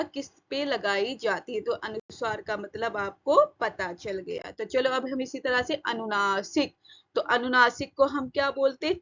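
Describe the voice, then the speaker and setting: A woman teaching a Hindi grammar lesson for exam preparation. She asks questions and answers them herself, and repeats example words slowly. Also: fairly high pitch, fairly bright tone, muffled recording. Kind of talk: online exam-prep lesson.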